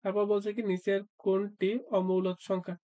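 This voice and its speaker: A man's voice: high voice, completely flat delivery, normal speed, dark tone, no echo, highs cut off. A man teaching an exam-prep math lesson, asking himself questions and answering them, with frequent "uh" fillers. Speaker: math tutor.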